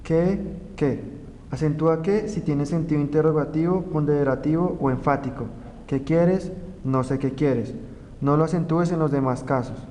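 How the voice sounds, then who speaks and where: A young man from Colombia, a student reading a grammar lesson aloud in a slow, careful way. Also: on the high side, a little mellow. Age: young adult. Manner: slow, careful reading of rules and example words. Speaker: student presenter. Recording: roomy reverb, faint background noise.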